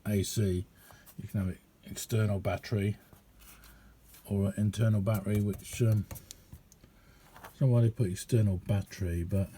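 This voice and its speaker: A radio hobbyist gives a casual hands-on demo, rambling along in a chatty, hesitant, unhurried way. His voice sits fairly low, with a steady, warm tone. There's a bit of hiss or hum in the background.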